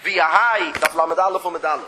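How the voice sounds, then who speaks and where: A man giving a traditional religious text lecture as a teacher, reciting short phrases of the text and then explaining them with animated, rising emphasis. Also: fairly high pitch, fast, noisy background.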